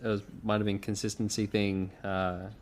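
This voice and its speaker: A man co-hosting a casual book podcast, thinking aloud slowly and laughing often. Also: on the low side, little pitch movement. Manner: slow, thoughtful, laughs often. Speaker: podcast co-host. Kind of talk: casual book-club chat.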